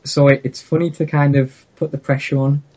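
A man's voice: on the high side, little pitch movement, a little fast, a little mellow, lo-fi sound, slight background noise. A man with a north-east English Teesside accent chatting casually, hesitant and rambling, often breaking off mid-sentence. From north-east England, Teesside area. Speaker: gaming video creator, interview guest. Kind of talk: casual chat.

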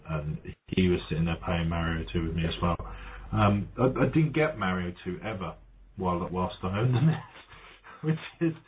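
A man chatting casually, reminiscing in a rambling way with many ums and restarts. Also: low voice. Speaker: podcast guest. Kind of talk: casual chat. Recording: tinny phone-like line, faint noise.

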